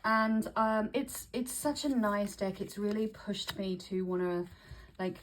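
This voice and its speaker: A woman vlogger chatting casually to camera, breathy and a little short of breath with hay fever, often restarting and repeating her phrases. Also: mid-range voice, fairly even intonation, a little slow, a little hiss or hum, poor audio. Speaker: vlogger showing tarot decks.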